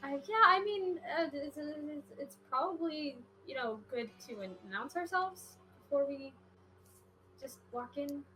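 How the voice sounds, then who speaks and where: A woman's voice: high-pitched, lively intonation, measured pace, pushed and bright, a little hiss or hum, rough recording. A woman playing a tabletop game, chatty and a bit hesitant. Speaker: player. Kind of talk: casual tabletop game chat.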